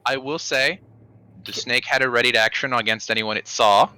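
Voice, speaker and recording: Man with a very bright, forceful voice. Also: medium pitch, normal speed, smooth, poor audio. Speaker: game master. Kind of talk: improvised tabletop game narration.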